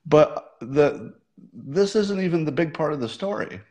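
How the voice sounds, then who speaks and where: Man in his 60s hosting a casual monologue; reflective, conversational, slightly low register. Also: a little mellow. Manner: musing, conversational, self-amused. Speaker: livestream host.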